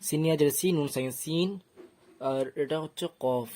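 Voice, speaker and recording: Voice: mid-range voice, brisk, a little mellow. A Quran reading teacher giving an online lesson, explaining step by step with patience and drawing out each letter sound at length when reciting.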